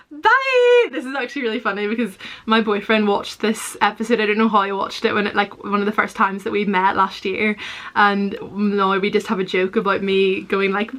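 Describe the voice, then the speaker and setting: A woman's voice: medium pitch, fairly bright tone. Chatty young woman. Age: young adult. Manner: chatty, self-deprecating, giggly. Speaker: vlogger. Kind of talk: casual reaction commentary.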